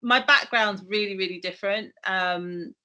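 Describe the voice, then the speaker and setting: A woman's voice: medium pitch, moderate pace, bright, forceful tone, poor audio. A woman from Barbados speaking as a panel guest on a video call, reflecting candidly on her career with some hesitation. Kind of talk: personal account.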